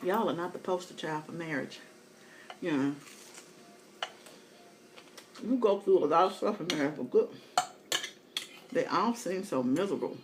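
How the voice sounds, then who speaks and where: Animated low-voiced woman chatting over a meal. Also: unhurried, pauses often, slight background noise. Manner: eating as she talks; candid, colloquial storytelling. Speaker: mukbang vlogger. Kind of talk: casual chat while eating.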